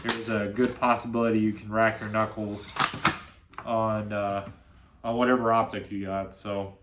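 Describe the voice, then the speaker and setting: A young man with a nasal voice, host of a gun review channel, rambles casually through an unscripted video review full of fillers and restarts. His voice sits on the low side with little pitch movement, a measured pace, and a fairly bright tone. A camera on a stand captures it in a roomy space with a bit of hiss or hum.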